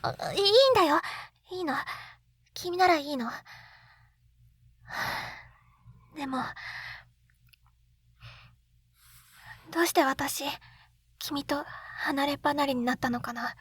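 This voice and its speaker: A woman voices a shy, lovestruck schoolgirl reunited from another world in a Japanese ASMR roleplay of an intimate situation, her high, slightly bright voice captured dry and close on a binaural dummy-head mic. Earnest and wistful, shy and tender, she speaks breathily and haltingly, often sinking into whispers.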